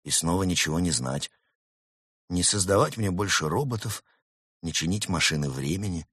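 A man's voice: sits low, expressive, normal speed, fairly bright tone, slightly rough, no echo, studio quality, exaggerated voice. A man voicing a gloomy, clever male cat who mutters wistfully, in a storybook reading.

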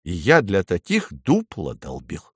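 A man's voice: low voice, huge pitch swings, unhurried, husky, no echo, clean studio sound, pitched below the performer's own voice, heavily acted. A man doing a fussy, indignant woodpecker. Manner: indignant and exclaiming. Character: fussy male woodpecker house-builder. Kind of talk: storybook reading.

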